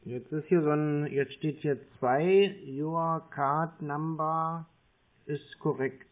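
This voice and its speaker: In a slightly high, steady voice, a man speaks slowly on a phone call, posing as a confused customer to bait a scammer. He's hesitant and muddled, reading aloud and thinking out loud while typing. It comes through muffled, with narrow phone-call sound.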